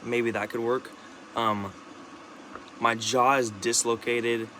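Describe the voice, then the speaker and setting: A young man talking into his camera in a rambling, halting monologue, restarting sentences and swearing often. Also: mid-range voice, level tone, bright, forceful tone, slight background noise. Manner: rambling, halting, with many restarts, fillers and curses. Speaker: vlogger.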